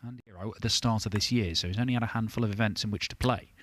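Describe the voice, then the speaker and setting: A man's voice: fairly low pitch, very fast, fairly bright tone, no room sound. A man giving live darts commentary as a sports commentator. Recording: faint venue noise behind commentary.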